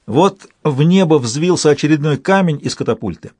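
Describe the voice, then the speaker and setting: A man reading a fantasy audiobook in steady scripted narration. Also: on the high side, moderate pace, dry recording.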